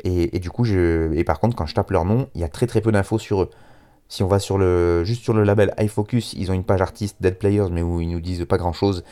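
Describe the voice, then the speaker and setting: A man's voice: sits low, steady tone, fairly quick, dark tone. A man with a French accent casually presenting a radio music show on his own, hesitant and self-deprecating as he goes.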